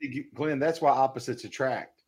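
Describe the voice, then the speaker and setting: A man's voice: medium pitch, fairly even intonation, moderate pace, darkish tone. A man co-hosting a morning show, trading casual banter in a joking, easygoing way.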